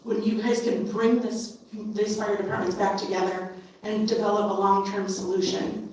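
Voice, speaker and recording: Forceful woman in an echoey hall. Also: mid-range voice, little pitch movement, moderate pace, distant mic, slight background noise. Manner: forceful, insistent, repeats for emphasis. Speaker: public commenter. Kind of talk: impassioned public comment. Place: council chamber.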